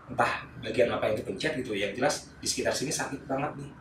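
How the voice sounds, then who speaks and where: Animated man telling a ghost story. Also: mid-range voice, fast, a little hiss or hum. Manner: animated, acting out shouts and quoted voices. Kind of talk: casual podcast storytelling. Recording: roomy sound from a distant mic.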